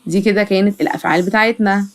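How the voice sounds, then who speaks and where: A woman with an Egyptian Arabic accent teaching English vocabulary to children, repeating each word slowly several times. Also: mid-range voice, steady tone.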